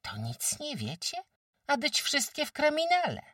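A woman's voice: sits high, wildly swooping pitch, unhurried, a bit bright, no room sound, studio quality, distant mic, voice pushed up, heavily acted. A woman voicing a careworn peasant farm wife who talks emphatically in rustic speech, lamenting her troubles. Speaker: farm housewife.

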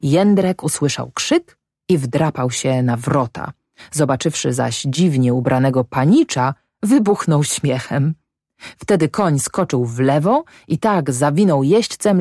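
A woman narrating a classic novel as an audiobook, with expressive storytelling. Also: low voice, measured pace, no echo, clean studio sound.

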